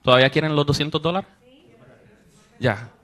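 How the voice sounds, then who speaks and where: Young man preaching with a higher voice. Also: normal speed, a bit bright. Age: young adult. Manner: storytelling, acts out quoted voices, rises with emotion. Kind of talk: sermon testimony to a congregation.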